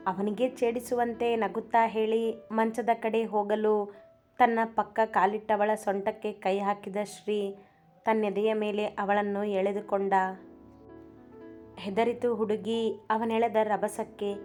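A woman narrating a romantic story in a steady, even reading voice. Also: mid-range voice, measured pace, faint music behind.

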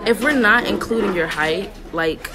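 A woman's voice: mid-range voice, moderate pace, music in the background. A teenage girl teasing a classmate with giggly answers for his vlog. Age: teens. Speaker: interviewee. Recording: loud crowd chatter.

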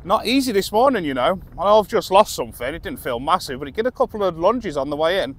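Here the voice sits high and comes out fast and very animated. It belongs to a middle-aged angler vlogger with a British accent, fishing from a dock by the sea at night and keeping up a chatty, self-amused commentary, recorded outdoors from a distance by a tripod camera.

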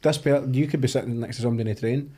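A man's voice: mid-range voice, fairly even intonation, rapid-fire, mellow, breathy edge. A man with a Scottish accent hosting a casual podcast chat in colloquial, sweary speech. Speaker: podcast host.

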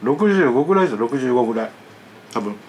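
A man's voice: medium pitch, big pitch swings, fast, a little mellow, a little hiss or hum. A man vlogging about food, chatting casually while eating and telling a rambling story with many asides.

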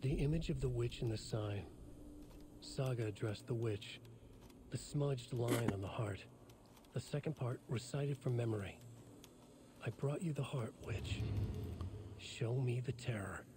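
An actor playing a brooding writer who narrates his manuscript gravely and deliberately in a video game. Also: mid-range voice, lightly acted. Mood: ominous. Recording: clear ambient noise behind.

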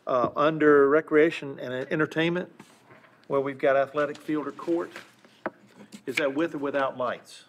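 A man's voice: fairly high pitch, steady tone, normal speed. Courteous older man chairing a meeting. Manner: courteous, procedural, hesitant with fillers. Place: council chamber dais. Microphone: desk microphone.

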